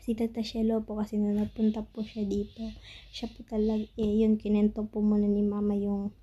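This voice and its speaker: Filipina vlogger, young woman, flat and very mellow delivery, halting speech, slightly dull audio. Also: medium pitch. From Philippines. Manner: halting, searching for words, tearful at times. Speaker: family vlogger. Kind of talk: emotional story-time monologue. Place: home in Pakistan.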